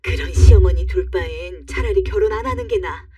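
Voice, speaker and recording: A woman's voice: medium pitch, a little fast, no echo, far from the mic, close to an everyday voice. A woman voicing a furious, stubborn mother. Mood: angry shouting. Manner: loud and scolding. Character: angry middle-aged mother, shouting and stubborn.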